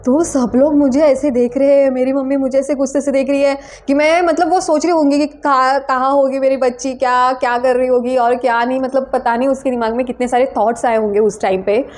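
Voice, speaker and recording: A young woman tells a story from her own life in a casual vlog. Her voice sits a little high and sounds soft and mellow, never sharp. She talks in a chatty, animated way and leans on casual fillers. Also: fairly quick, hardly any pauses. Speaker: vlogger.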